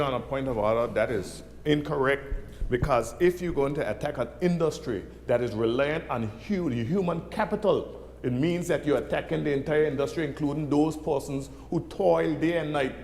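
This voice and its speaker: A man's voice: a little high, normal speed, darkish tone, a little hiss or hum. A man with an Anguillan accent arguing combatively and accusingly as a member in parliamentary debate. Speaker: member of a legislative assembly. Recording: echoey assembly chamber.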